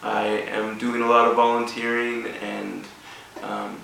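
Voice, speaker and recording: A man gives an informal motivational speech with a personal story, speaking haltingly in short broken phrases. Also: on the low side, completely flat delivery, vocal fry, a bit bright. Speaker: guest speaker at a rugby club event. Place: echoey room, speaking before an audience. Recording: echoey room, distant mic, faint noise.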